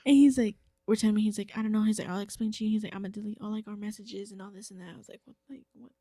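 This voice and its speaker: A woman's voice: mid-range voice, very fast, no room sound, clean studio sound. A woman in her twenties, a podcast guest telling a story in casual chat, acting out the quotes and saying "like" a lot. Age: 20s. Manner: animated, acts out quotes, heavy use of "like".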